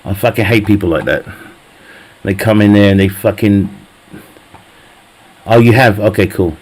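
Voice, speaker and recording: While playing games on stream, a man talks casually with viewers in a fairly low voice at a moderate pace. His banter is profane and jokey, and he keeps cracking himself up.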